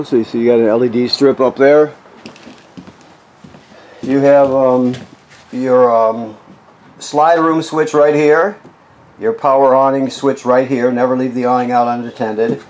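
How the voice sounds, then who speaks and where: In and around a travel trailer, a man with a medium-pitched, darkish voice gives an informal RV walkthrough as a technician, heard on a rough recording. He explains the features plainly and often checks that he is being followed.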